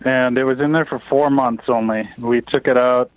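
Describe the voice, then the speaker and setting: A man's voice: medium pitch, steady tone, normal speed, dry recording, highs cut off. A man calling in as a homebrew guest, talking casually with many fillers and restarts. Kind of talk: casual chat on a call.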